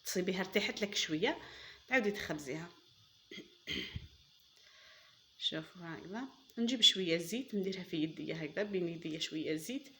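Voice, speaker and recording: Fast-talking Algerian woman cooking host. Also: on the low side, bright, forceful tone, a little hiss or hum. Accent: Algerian Arabic. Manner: chatty, addresses viewers as girls, enthusiastic praise. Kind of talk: casual cooking demonstration.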